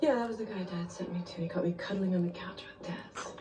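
An actress as a wry, sardonic young woman with a lowish voice. The sound reaches the mic distant and echoey, as if from a TV across the room. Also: quick pace, natural voice. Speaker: character in a TV drama. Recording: TV audio heard from across a roomy space.

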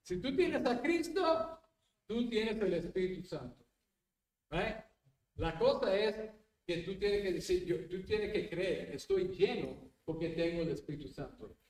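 A man's voice: high voice, expressive, a little slow, darkish tone, reverberant, distant mic, poor audio. A man leading a Bible study as pastor, talking animatedly and dropping English tag words into his teaching. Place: church.

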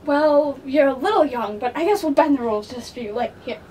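Green Giant, bossy and lively by a woman. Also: sits high, brisk, far from the mic, a little hiss or hum. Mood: coaxing. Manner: impatient, coaxing teacher, laughing at mistakes. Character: bossy jolly Green Giant, male, huge. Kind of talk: homemade comedy skit.

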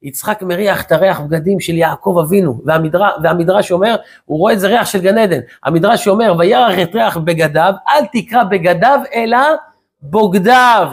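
A rabbi delivering a sermon, telling a story with lively animation and slipping into his characters' voices. His voice is high for a man and has a husky, breathy grain. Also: hardly any pauses. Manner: animated storytelling, acts out quotes.

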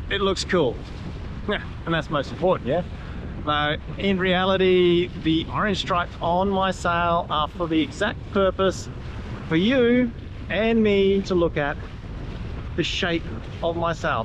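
A man explaining sail trim in a casual, hands-on way while standing on the deck of a catamaran at sea, pointing things out as he goes. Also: sits high. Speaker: sailing instructor. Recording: loud wind noise on the mic outdoors.

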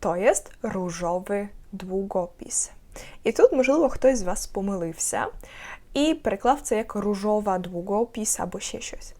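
Woman language tutor, patient explainer, repeats key words, slow deliberate example phrases. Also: mid-range voice, mellow. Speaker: Polish language teacher. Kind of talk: online language lesson.

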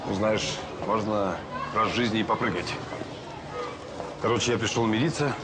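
An actor playing a roguish, excitable middle-aged policeman father in a TV drama, sarcastically throwing words back at others. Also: fairly low pitch, normal speed, heavy background noise, natural voice. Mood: coaxing, playful. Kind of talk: naturalistic TV series acting.

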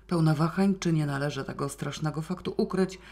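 A narrator reading a novel aloud in a steady, measured way. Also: mid-range voice. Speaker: audiobook narrator. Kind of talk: scripted narration.

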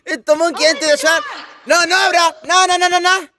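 High-voiced excitable man gaming. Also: normal speed. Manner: excitable, laughs often, shouts at the game. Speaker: gamer. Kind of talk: casual gameplay commentary.

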